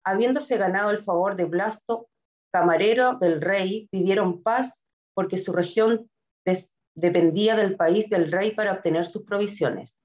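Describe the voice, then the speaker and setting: A woman reading a scripture passage aloud in a steady, measured way. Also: mid-range voice, dull audio. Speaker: scripture reader.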